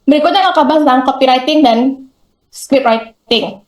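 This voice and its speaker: In a school hall with a roomy sound, a high-voiced woman leads a workshop as a classroom talk about content creation. She's chatty and slips into voices to act out quick examples.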